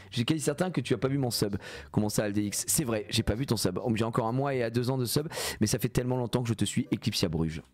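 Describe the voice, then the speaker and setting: Streaming a game live while stuffed up with a cold, this thirties-aged man jokes loosely with his viewers and swears often. He reads chat aloud in an animated, jokey way. His voice sits at a medium pitch and moves briskly.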